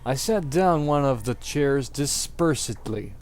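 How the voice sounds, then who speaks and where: An animated man with a medium-pitched, darkish voice reads fan fiction a little slowly, playing it up as an amateur mock-drama. He exaggerates theatrically and often bursts into giggles.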